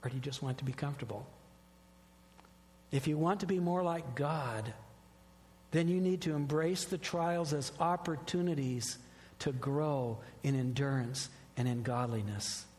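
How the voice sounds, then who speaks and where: A man's voice: mid-range voice, a little slow, darkish tone. A middle-aged man, a pastor, preaching a sermon with earnest personal stories. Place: church sanctuary. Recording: long hall reverb.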